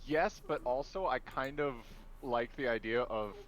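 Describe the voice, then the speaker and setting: A man's voice: mid-range voice, unhurried, a bit bright, poor audio. A man playing a tabletop game, explaining where his character should stand. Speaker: player. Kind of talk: casual chat at a game table.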